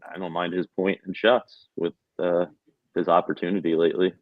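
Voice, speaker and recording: A very deep-voiced man talks hockey picks in a laid-back, hesitant way, with fillers scattered through his speech. His mic sounds dry and dull. The recording has a lo-fi quality. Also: level tone, moderate pace, dry recording. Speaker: co-host. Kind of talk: casual sports betting chat.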